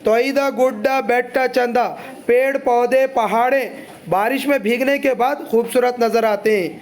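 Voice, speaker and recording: A man teaches a poem to his students in a very high voice. He walks through it line by line, chatty and loose, and breaks off for side remarks. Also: fairly even intonation, normal speed. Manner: chatty, explains line by line with asides.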